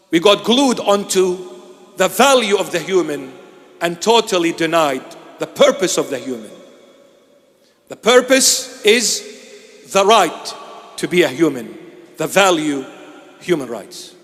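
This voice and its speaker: A man from Iraq, a bishop, preaching a sermon in a large church hall. He speaks emphatically, repeating his phrases and sometimes breaking into shouts. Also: high voice. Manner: emphatic and repetitive, bursts into shouts. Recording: long hall reverb.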